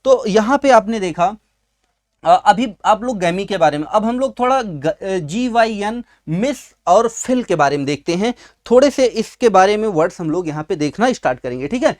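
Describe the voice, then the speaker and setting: Here a man teaches exam-prep vocabulary at a writing board for a class video, his voice high-pitched, darkish, and animated at a normal pace. Addressing his students with fondness, he repeats key words and answers the questions he raises.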